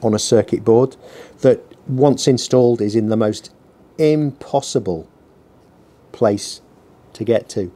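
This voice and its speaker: Speaking slowly in a mellow, medium-pitched voice, this man chats casually for his workshop vlog, a small business owner documenting his work. He rambles with dry, self-deprecating jokes while busy at his bench. A heater is running, and his microphone rests on the bench beneath him.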